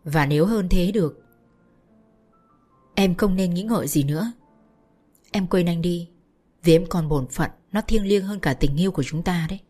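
A woman reading a story aloud, voicing a gentle, heartbroken young man who speaks in sorrowful, resigned tones. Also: fairly low pitch, moderate pace, pauses often, breathy edge, soft background music. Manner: sorrowful, choked pleading.

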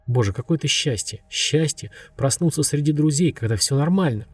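A man with a husky voice narrating a story in a steady, measured way. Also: fairly high pitch, dry recording. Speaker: audiobook narrator. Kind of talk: scripted narration.

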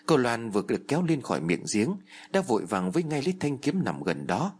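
Male storyteller, husky, very lively pitch, dramatic horror narration. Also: fairly quick. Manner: acts out the characters' shouts and pleas with raised pitch.

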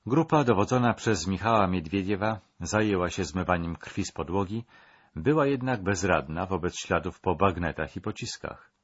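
A man narrating a scripted documentary in a measured, dramatic storytelling manner. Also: low voice, lively intonation, slightly rough, lo-fi sound.

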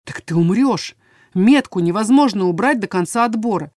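A man's voice: high-pitched, animated, moderate pace, darkish tone, dry recording. A woman voicing a stern, domineering male king who barks commands and scolds, in a dry, close recording. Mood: harsh.

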